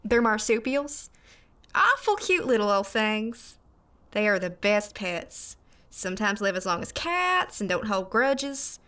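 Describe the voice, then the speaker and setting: A woman's voice: medium pitch, sing-song, a little slow, bright, forceful tone. An actress playing a chatty, sweet young woman ghost in an audio drama. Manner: bubbly, folksy, chatty.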